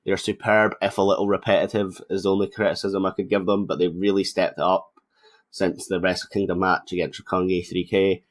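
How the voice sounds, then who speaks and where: Male co-host, low register, conversational and analytical, informal wrestling talk. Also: level tone, fairly quick. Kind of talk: casual wrestling commentary chat.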